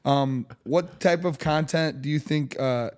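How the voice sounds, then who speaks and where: A man's voice: a little high, unhurried, darkish tone. A man from Michigan hosting a casual podcast, asking loose questions full of fillers. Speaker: podcast host.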